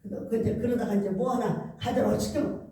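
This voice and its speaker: A woman's voice: on the high side, steady tone, brisk, background noise. A middle-aged woman pastor giving a chatty revival sermon, telling stories and acting out the quoted dialogue. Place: large church hall. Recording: echoey hall from far off.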